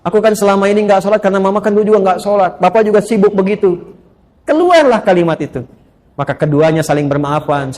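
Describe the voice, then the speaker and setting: A middle-aged man delivers a sermon to an audience of women, with a voice pitched a little high. He tells stories with animated rises and drops to soft, quiet asides. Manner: animated storytelling with rising exclamations and soft asides. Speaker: preacher.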